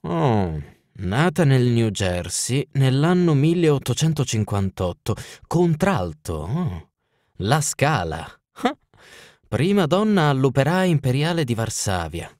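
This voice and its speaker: A languid, aloof detective from a storybook, murmuring dry, clipped remarks with quiet confidence, as an audiobook narrator puts him on. His voice sits at a man's middle pitch in a dry, close recording. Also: big pitch swings, slow, no echo. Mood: probing.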